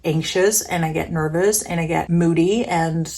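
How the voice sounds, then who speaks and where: A woman's voice: fairly low pitch, steady tone, moderate pace, a little mellow. A woman narrating a casual packing vlog in a chatty, enthusiastic way, with playful self-aware humor. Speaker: vlogger.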